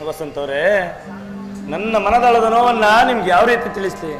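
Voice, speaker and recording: A sorrowful young outcast man, played by a male actor, pours out his grief in a very high, slow, theatrical stage delivery. The recording is from a live village drama, with music playing clearly behind the voice. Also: animated. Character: grieving young man cast out by his family.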